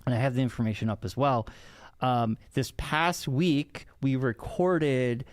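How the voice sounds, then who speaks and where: A man co-hosting a podcast in casual chat, animated and quick to laugh. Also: no room sound. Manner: animated, jumps in pitch when excited. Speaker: podcast co-host.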